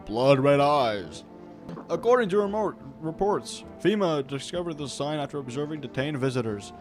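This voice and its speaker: A man voicing an upbeat male news announcer with a brisk announcer delivery. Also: on the high side, close to an everyday voice.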